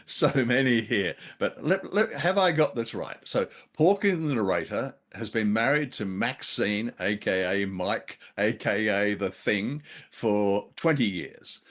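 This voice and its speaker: Wry, chuckling man, lowish voice. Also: fairly bright tone. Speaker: podcast co-host. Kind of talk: casual review discussion.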